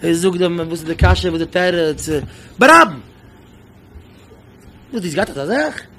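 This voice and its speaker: Man, rabbi, sermon, high voice, impassioned, repeated rhetorical questions, faint noise behind. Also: a little fast.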